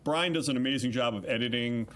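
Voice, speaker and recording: A man's voice: mid-range voice, fast talker, fairly bright tone, slight background noise. A middle-aged man, a podcast co-host appearing as a guest, chatting casually in an interview and rambling through his story with fillers and restarts.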